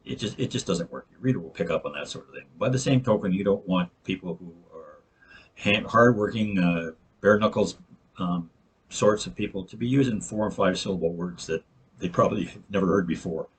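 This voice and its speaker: A man's voice: low voice, brisk, slightly rough. A man, a novelist, talking casually to camera about writing, earnest and often restarting words with frequent fillers. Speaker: novelist sharing writing tips.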